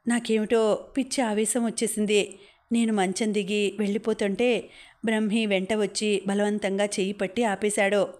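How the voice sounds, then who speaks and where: A woman reading a novel aloud as an audiobook, narrating in the first person with a flat, even delivery. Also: mid-range voice, normal speed.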